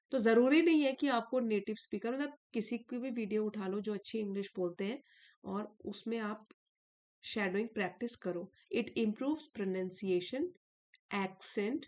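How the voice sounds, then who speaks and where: A young woman teaching English, reading English phrases slowly and then explaining them in Hindi. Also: a little high, darkish tone.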